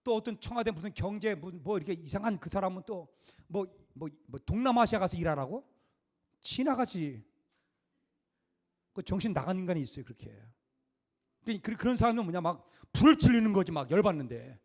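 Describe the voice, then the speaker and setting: A man's voice: high voice, lively intonation, brisk, a little mellow. A middle-aged male pastor preaching a sermon in a conversational, emphatic way, full of rhetorical questions.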